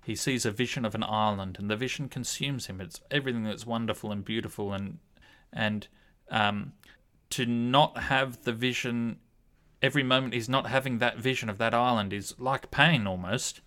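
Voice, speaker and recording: A man's voice: medium pitch, pushed and bright. Thoughtful man leading a Bible discussion. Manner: thoughtful, measured, with frequent ums. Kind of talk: reflective group discussion.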